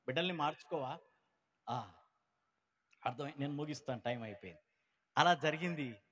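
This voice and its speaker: A man telling his conversion story at a gospel meeting, swinging between loud outbursts and hushed lines and acting out the people he quotes. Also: medium pitch. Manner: acts out quoted people in changed voices. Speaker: testimony speaker at a gospel meeting. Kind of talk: emotional church testimony. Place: church meeting.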